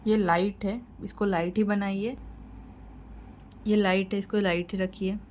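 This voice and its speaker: A woman's voice: mid-range voice, fairly even intonation, measured pace, darkish tone, slight background noise, low-quality recording. Woman teaching step by step. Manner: instructive, repeats points, reassuring. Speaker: shorthand teacher. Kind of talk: tutorial lesson.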